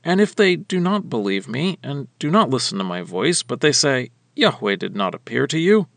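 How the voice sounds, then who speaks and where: A man's voice: mid-range voice, sing-song, moderate pace, creaky, fairly bright tone, dry recording. A man voicing a reluctant male prophet who pleads and hesitates. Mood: pleading.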